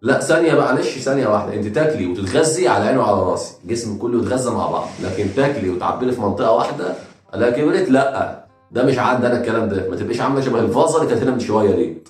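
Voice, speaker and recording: A man with an Egyptian accent reacting to video clips with sarcastic, rapid-fire jokes. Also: mid-range voice, lively intonation, echoey room, soft background music. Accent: Egyptian Arabic. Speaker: comedy reaction host. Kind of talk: comic reaction commentary.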